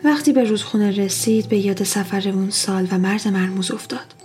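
A woman narrating eerie stories in a soft, hushed voice. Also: mid-range voice. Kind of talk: storytelling narration.

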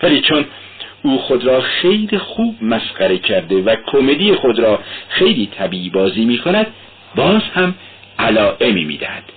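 Male reader as cunning investigator; husky, pitch swinging widely. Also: big pitch swings. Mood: lecturing. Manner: lecturing, then fussing anxiously. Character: sly, talkative male police investigator. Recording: tinny lo-fi radio recording.

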